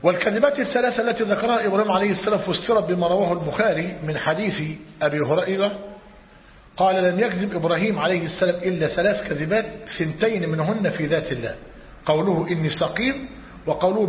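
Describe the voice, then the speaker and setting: A man's voice: high voice, quick pace, slight background noise. A man teaching a religious lesson. He reads a commentary aloud and explains it. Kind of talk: lecture on creed. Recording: echoey hall, muffled lo-fi.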